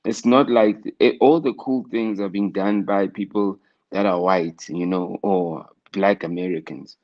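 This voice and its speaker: A man's voice: sits low, fairly even intonation, unhurried. A South African man talking in a casual conversation, reflective, with many fillers and restarts. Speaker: interview guest, rapper. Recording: dull lo-fi sound.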